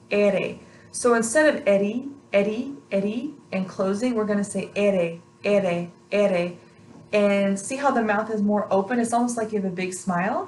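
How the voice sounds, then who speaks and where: A woman's voice: mid-range voice, a little hiss or hum, rough recording. A woman giving an instructional pronunciation lesson on rolled R exercises, repeating practice sounds in an encouraging way. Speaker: language pronunciation teacher.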